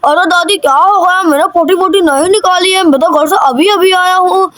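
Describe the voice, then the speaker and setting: A woman's voice: very high-pitched, fairly quick, fairly bright tone. A woman voicing a cheeky young village boy in a cartoon, teasing and chatty.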